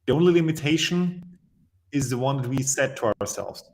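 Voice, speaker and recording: A man from Austria, answering as an interview guest and telling stories emphatically with measured pauses. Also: mid-range voice, animated.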